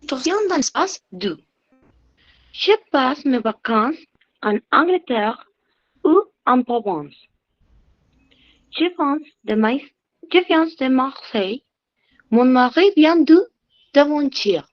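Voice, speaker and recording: A woman slowly reading out French grammar rules and example sentences in a deliberate, drawn-out manner. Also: high voice, animated, muffled recording.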